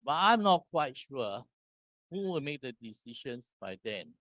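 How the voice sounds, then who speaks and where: A man from Singapore giving a conference presentation, walking through slides in slow, deliberate short phrases. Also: mid-range voice, very animated, a bit bright, no echo. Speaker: conference speaker. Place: conference hall.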